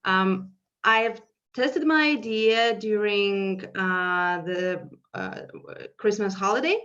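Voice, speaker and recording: Slow-talking woman founder, hesitant pitch, muffled call. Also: fairly bright tone. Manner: hesitant, many fillers. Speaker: startup founder. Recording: muffled video call audio.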